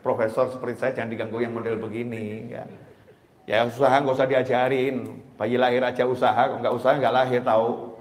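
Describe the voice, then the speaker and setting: A man preaching a sermon at a religious gathering, animated and emphatic, with joking asides. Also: mid-range voice, fairly quick, roomy sound.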